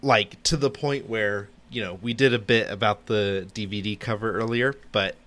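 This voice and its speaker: A man co-hosting a film podcast in casual chat, easygoing and quick to laugh. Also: on the low side, steady tone, fairly bright tone. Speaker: podcast co-host.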